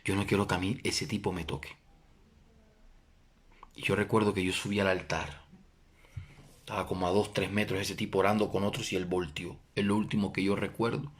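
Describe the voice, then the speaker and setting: A middle-aged Colombian pastor giving a sermon testimony, emphatic, swinging between loud declarations and hushed prayer. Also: male voice, sits low, little pitch movement, a little fast, long pauses, breathy edge.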